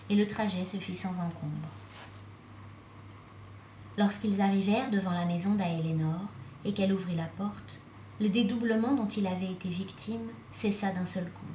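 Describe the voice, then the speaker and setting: A woman reading a novel aloud as narrator, with steady, even storytelling. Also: medium pitch, slight background noise. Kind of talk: audiobook reading. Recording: echoey room.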